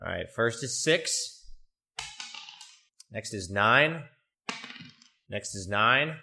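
A man's voice: on the low side, expressive, drawn-out words, gravelly, pushed and bright, a little hiss or hum. A man hosting a podcast in casual, jokey, profane chat, recorded in an echoey room that sounds like a cave. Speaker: podcast host. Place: echoey room in a new home, no studio setup yet.

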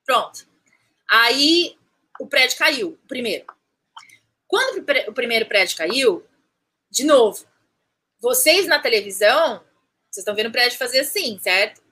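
A woman, recounting a personal story as an interview guest, animated, restarting phrases and acting out what people said. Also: fairly high pitch, moderate pace, long pauses, slightly rough. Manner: animated, restarts phrases, acts out quoted speech.

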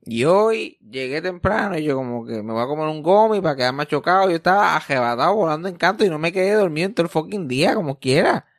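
A man's voice: on the high side, lively intonation, fast, hardly any pauses, no echo, clean studio sound. Sleepy Puerto Rican man hosting a podcast. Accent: Puerto Rican Spanish. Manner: tired, rambling, self-mocking. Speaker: podcast host. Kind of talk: casual podcast chat.

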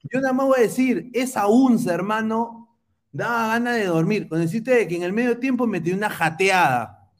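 A man's voice: high-pitched, normal speed. A man hosting a football podcast in casual chat, teasing rival fans as he reads viewer comments. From Peru. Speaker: podcast host.

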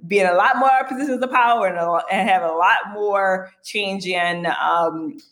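Woman, podcast host, casual chat, lively, laughs often, lots of fillers. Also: medium pitch, moderate pace.

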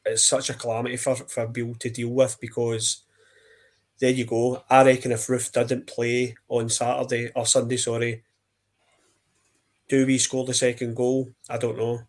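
A man's voice: mid-range voice, monotone, moderate pace. A man co-hosting a casual football podcast, exasperated and full of rhetorical questions. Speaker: podcast co-host.

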